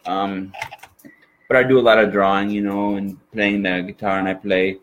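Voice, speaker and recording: A man's voice: lowish voice, level tone, moderate pace, a bit bright, dull audio, slight background noise. A man from Minnesota with an exaggerated Minnesota accent, chatting as an interview guest in a folksy, rambling way. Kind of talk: casual interview chat.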